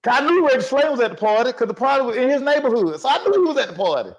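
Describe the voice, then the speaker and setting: A man who once coached high school football, telling a story in casual, slangy sports talk and voicing the people in it. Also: very fast. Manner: animated, slangy storytelling with voiced quotes. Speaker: sports talk show host.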